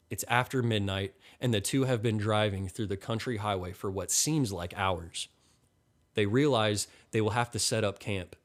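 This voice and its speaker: A man reading a crude comedy story as scripted narration, deadpan. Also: on the low side.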